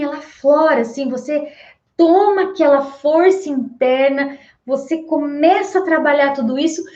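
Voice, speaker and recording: A Brazilian woman with a high voice talks slowly and gently, pausing often as she guides the listener through a reflection. The sound is roomy and a little dull. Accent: Brazilian Portuguese. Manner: slow, soothing, with long pauses. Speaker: family constellation therapist.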